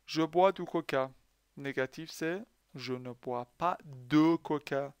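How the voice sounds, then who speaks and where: A man teaching a French grammar lesson, speaking slowly and patiently with a slightly high, smooth voice. He asks questions and answers them himself, and his first language is Persian. The sound is close and dry. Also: no room sound.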